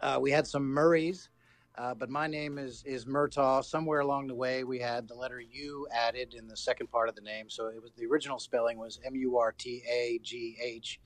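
Halting American man, dry close sound. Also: medium pitch, steady tone, no room sound. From United States. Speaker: campaign spokesman. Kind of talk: interview answers.

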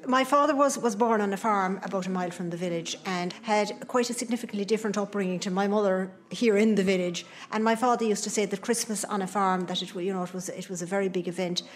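Kerry Irish woman with mid-pitched voice. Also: fast talker, hardly any pauses. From Ireland, County Kerry. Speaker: pub keeper and archaeologist. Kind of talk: conversational reminiscing about local traditions.

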